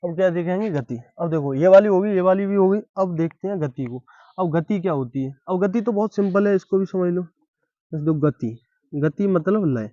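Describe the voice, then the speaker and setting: A man's voice: high voice, moderate pace, dark tone, no echo, muffled recording. A man teaching a lesson on verse, who explains step by step and keeps asking if the class has understood. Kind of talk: classroom-style Hindi poetry lesson.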